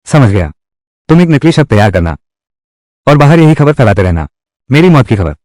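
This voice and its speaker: A young nobleman who speaks firmly and is used to being obeyed, as a man dubs him. His pitch moves freely with each line. The recording is dry and close. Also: very animated, moderate pace, a little mellow, no room sound, close to an everyday voice. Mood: commanding. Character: young male lord in hiding, commanding. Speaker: dub voice actor. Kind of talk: dubbed period drama dialogue.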